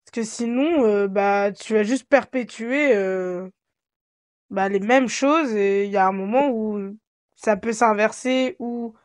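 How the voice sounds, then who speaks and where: A young woman chatting casually with friends as host of an online group podcast, quick to interject. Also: mid-range voice, no room sound, studio quality.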